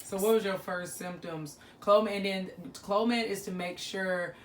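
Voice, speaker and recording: A woman's voice: mid-range voice, steady tone, moderate pace, slight background noise. A woman co-hosting a casual vlog chat, talking bluntly with slangy jokes. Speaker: co-host of a couple's vlog.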